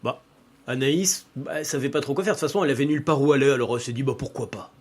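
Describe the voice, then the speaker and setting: A man's voice: medium pitch, racing. A man telling a folk tale casually, with fillers and repetitions. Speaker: storyteller.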